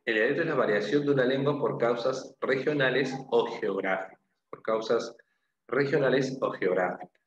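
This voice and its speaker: In this classroom lecture, a man from Peru speaking with a Peruvian Spanish accent explains a language lesson one step at a time, repeats the important phrases, and keeps asking "¿no?" and "¿ok?". He talks at a normal speed in a mid-range voice. The sound is lo-fi and echoey, with slight background noise.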